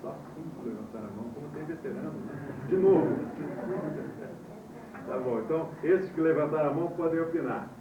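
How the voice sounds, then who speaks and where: This is an old VHS tape of a classroom lecture, recorded from far off, so the sound is muffled and echoey with background noise. The course instructor, a man with a slightly high voice, talks briskly but leaves long pauses. He tells stories wryly and quizzes his students.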